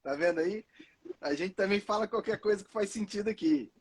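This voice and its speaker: A man's voice: high voice, fairly quick, crowd noise. A man asking a fellow dentist questions in casual conversation. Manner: inquisitive, short prompts.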